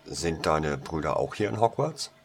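A man's voice: extremely low pitch, animated, moderate pace, vocal fry, a little hiss or hum, full character voice. Tarsoin, a man doing a shy ironic schoolboy. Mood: wry. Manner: hesitant, ironic. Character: shy, guarded teenage schoolboy, dryly ironic.

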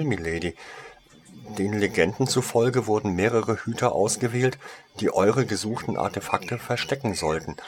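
A man voicing a female wand shop saleswoman who talks with eager, servile flattery in a storybook reading. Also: fairly low pitch, slight background noise, natural voice.

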